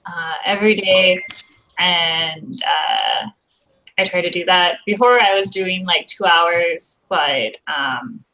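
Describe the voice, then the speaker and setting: A woman's voice: fairly low pitch, takes it slowly, bright, forceful tone, rough recording. A woman author chatting casually on a video call, hesitant and filling her talk with ums and likes. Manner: hesitant, many fillers and restarts. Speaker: author guest.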